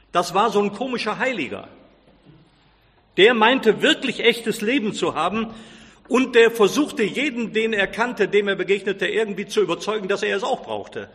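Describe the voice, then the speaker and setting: Animated man telling a sermon story. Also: high voice, big-room sound. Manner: animated storyteller acting out quoted lines.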